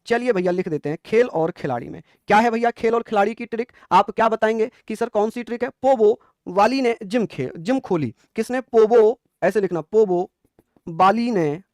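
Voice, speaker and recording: A man's voice: high-pitched, fairly quick, darkish tone, no echo, studio quality. A man teaching an exam quiz class, coaxing answers and praising often.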